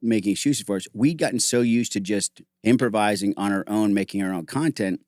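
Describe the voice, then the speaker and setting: A fairly low-pitched, middle-aged man speaks in a close, dry sound as host of a casual podcast chat. He tells stories in an animated way, stops and restarts often, and leans on "like" while acting out what others said. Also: a little fast, no echo. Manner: animated storytelling, acts out quotes; heavy use of "like", frequent restarts.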